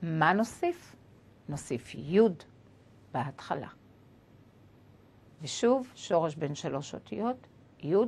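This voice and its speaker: Woman teacher, kinda husky, very up and down voice, methodical. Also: lowish voice, darkish tone. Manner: slow, methodical explanation spelling out letters. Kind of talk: lesson.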